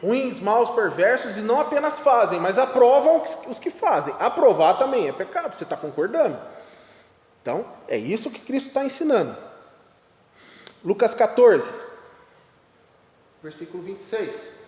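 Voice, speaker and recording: A man's voice: high voice, very animated, moderate pace, long pauses, darkish tone. A man with a Brazilian accent teaching a Sunday school Bible lesson, stressing his points, repeating key lines and asking the class rhetorical questions. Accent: Brazilian Portuguese. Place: church classroom or hall. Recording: echoey hall with long reverb.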